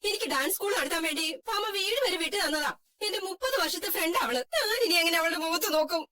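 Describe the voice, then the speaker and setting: A woman plays a scheming older mother-in-law in a serial fan dub, her voice very high and brightly edged. She talks fast and shrill, whining and pointing blame at everyone around her. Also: animated, heavily acted. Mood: tearful. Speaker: fan dubber.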